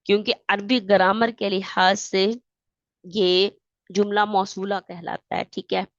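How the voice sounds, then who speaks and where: A woman teaching Quran reading, spelling out letters and vowel marks and then reciting the verses slowly. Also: mid-range voice, flat delivery, no echo, highs cut off. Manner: patient, keeps checking in with "theek hai". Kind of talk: step-by-step recitation lesson.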